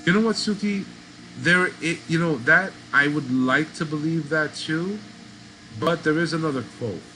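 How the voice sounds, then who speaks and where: Profane, animated podcast man. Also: mid-range voice, a little hiss or hum, low-quality recording. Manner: profane, animated street talk. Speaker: podcast host. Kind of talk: casual monologue.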